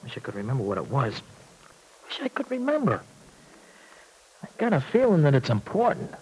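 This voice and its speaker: A man's voice: mid-range voice, huge pitch swings, a little fast, darkish tone, husky, full character voice, rough recording. An actor playing an uneducated, loyal young city man in a radio soap, slangy and plainspoken. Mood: wary, protective. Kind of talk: old radio soap acting.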